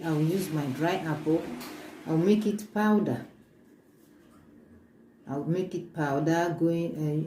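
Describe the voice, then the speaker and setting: A woman with a warm, low-pitched voice shares her homemade oils in a relaxed vlog, switching between French and English; her native language is African. She comes across earnest and upbeat, brings up faith, and restarts many times. The recording has room echo and faint ambient noise.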